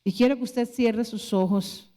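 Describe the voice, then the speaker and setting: A woman's voice: on the high side, steady tone, unhurried, warm tone. A woman pastor preaching a sermon, putting rhetorical question after question to her congregation. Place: church hall. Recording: long church hall reverb.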